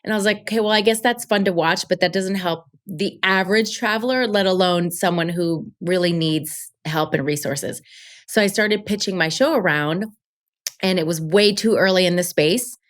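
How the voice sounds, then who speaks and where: A Colombian woman who creates a travel show appears as a guest on an interview podcast. With a lowish voice at normal speed, she talks about her work in a casual, upbeat way, full of fillers.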